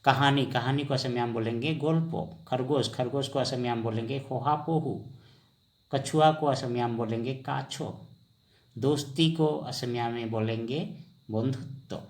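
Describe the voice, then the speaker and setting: A man teaching vocabulary on a screen-recorded lesson, repeating each word and asking and answering his own questions. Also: medium pitch. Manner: slow, repetitive drilling, asks and answers his own questions. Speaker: language teacher.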